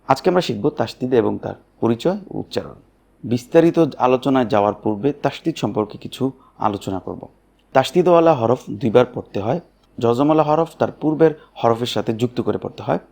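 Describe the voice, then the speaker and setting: Gravelly-voiced man teaching Quran reading. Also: mid-range voice. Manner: slow drilled spelling-out of letters, loud on the examples. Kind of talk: spoken tutorial lesson.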